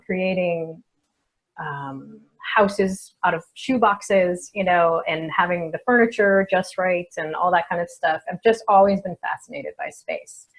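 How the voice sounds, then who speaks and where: Slow, reflective low-voiced woman. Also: low-quality recording. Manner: unhurried, reflective, many soft fillers. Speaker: feng shui expert and coach. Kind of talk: conversational interview answers.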